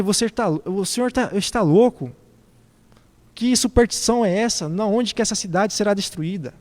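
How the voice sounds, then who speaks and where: A man's voice: fairly high pitch, darkish tone, long reverb tail. A man preaching a reflective sermon who poses questions to his congregation.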